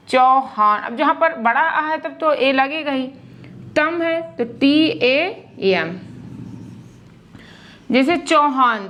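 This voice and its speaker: A woman's voice: high voice, a bit bright. A young woman teaching English spelling in a live lesson, explaining step by step and checking in often.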